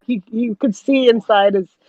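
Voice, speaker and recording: On a group voice call, a Canadian woman with a fairly high, dark-toned voice chats casually at normal speed, giggly and talkative, often laughing between remarks. Her home voice-call mic gives muffled voice-chat audio.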